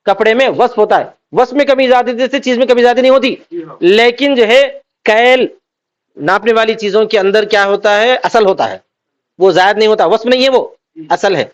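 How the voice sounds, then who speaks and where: A man teaching Islamic law, reading out Arabic text and then explaining it by asking and answering his own questions. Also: high-pitched. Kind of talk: classroom lecture. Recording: dull lo-fi recording.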